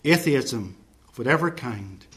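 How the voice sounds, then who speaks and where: A man preaching a sermon in a measured, deliberate way, setting out points one by one and listing phrases with care. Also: medium pitch, animated, a bit bright.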